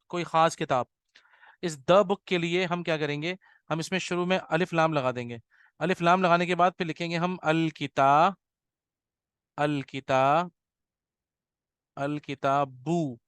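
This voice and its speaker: A man teaching an Arabic grammar class, explaining patiently, checking in with his students often, and slowing down to sound out words. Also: a little high, fairly bright tone, smooth, no echo.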